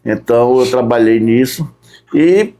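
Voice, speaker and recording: A man from Recife, a podcast guest talking through his tourism work in an unhurried way. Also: medium pitch, lively intonation, mellow. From Recife, Brazil. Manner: unhurried, lists his work step by step with frequent "né?". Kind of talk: casual interview chat.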